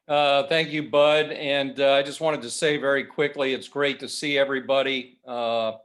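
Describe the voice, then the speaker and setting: A newspaper editor speaking at a community annual meeting, reading passages aloud with frequent fillers. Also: male voice, medium pitch, steady tone, a bit bright. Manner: reads quotes slowly, with many fillers.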